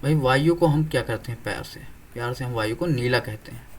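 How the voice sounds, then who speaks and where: A man's voice: mid-range voice, fairly quick. A young man teaching an exam-prep reasoning lesson, explaining step by step and often asking whether students follow. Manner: explains step by step, keeps checking "clear?".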